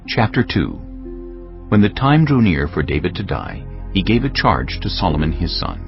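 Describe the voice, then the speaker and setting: Over a clear music bed, a male narrator with a deep, low voice gives scripture a very animated, dramatic reading at a moderate pace, his pitch moving widely. The recording has a somewhat dull, lo-fi quality.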